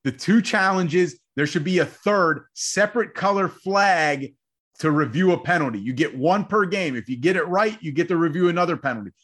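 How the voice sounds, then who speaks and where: Fired-up husky man debating sports. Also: a little high, animated, moderate pace, a bit bright. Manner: fired up, rambling, repeats himself. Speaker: podcast co-host.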